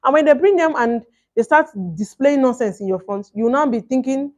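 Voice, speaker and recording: A woman's voice: high-pitched, expressive, moderate pace, darkish tone. A woman in her thirties with a Nigerian accent vlogs a personal story in casual, emphatic talk, slipping between English and Pidgin and acting out what was said. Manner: emphatic, acts out reported exchanges. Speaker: vlogger telling a personal story.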